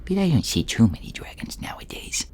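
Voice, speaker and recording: For an audio role-play, a man voices a meek, chatty dungeon servant, whispering with a hushed, throat-burnt rasp and a hesitant, self-effacing, gossipy manner. His voice is medium-pitched with big pitch swings and a brisk pace.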